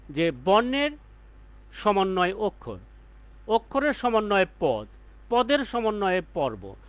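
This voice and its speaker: A man's voice: sits high, a bit bright, dry recording. A man teaching a poetry class as the instructor, explaining step by step and repeating key points for emphasis. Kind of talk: lecture.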